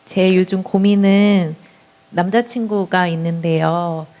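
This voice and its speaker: A woman's voice: fairly low pitch, fairly even intonation, slow pace, noisy background. A young woman in the audience, politely and hesitantly asking about her boyfriend. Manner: hesitant, polite, laughs nervously. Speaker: audience member asking a question. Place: lecture hall.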